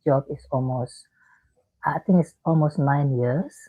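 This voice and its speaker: A woman from Indonesia answers interview questions in a very low voice, pausing often to search for words. She comes through a video call on a thin, phone-like line. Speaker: guest.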